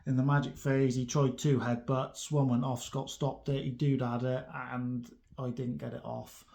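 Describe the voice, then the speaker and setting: A man's voice: mid-range voice, level tone, moderate pace, creaky, dark tone. Chatty man recapping a wargame. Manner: chatty, laughs at his own luck. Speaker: wargamer narrating his army's turns. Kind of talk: casual tabletop battle report.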